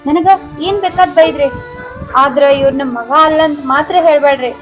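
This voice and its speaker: An actress playing a young daughter-in-law with a North Karnataka accent who pleads in tears. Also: female voice, high voice, brisk, faint music behind, close to an everyday voice, rough recording. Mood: pleading. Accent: North Karnataka Kannada. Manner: tearful pleading. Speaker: actor.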